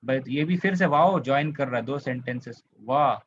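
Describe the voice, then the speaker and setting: A man's voice: medium pitch, normal speed. A man from India with an Indian accent, teaching an Arabic grammar lesson, patiently repeating points and checking that students follow. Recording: slightly dull lo-fi audio with faint hiss.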